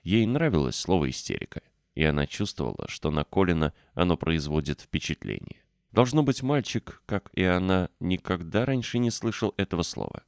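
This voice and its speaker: A man reads a children's story aloud with expressive storytelling. His voice sits very low, and the recording is dry and close, with no room sound. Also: moderate pace, no echo. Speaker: audiobook narrator. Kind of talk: scripted narration.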